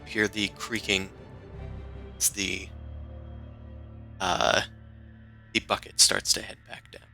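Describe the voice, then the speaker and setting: A man's voice: fairly low pitch, steady tone, slow, gravelly, pushed and bright, faint music behind. A man narrating a tabletop role-playing game as game master in a casual, improvised, conversational way.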